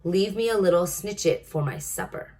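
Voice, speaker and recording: A woman voicing a kindly, gentle male giant in a storybook, earnest, innocent and dignified. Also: lowish voice, normal speed, close to an everyday voice. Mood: coaxing. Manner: earnest, innocent, quietly disapproving.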